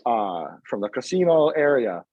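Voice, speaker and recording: A man as a podcast guest, telling an animated story in casual chat and briefly putting on other people's voices. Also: medium pitch, normal speed, muffled recording.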